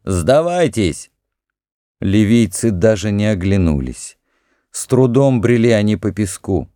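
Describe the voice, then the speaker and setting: A man narrating a literary audiobook in a measured, steady way. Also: lowish voice, no room sound, clean studio sound.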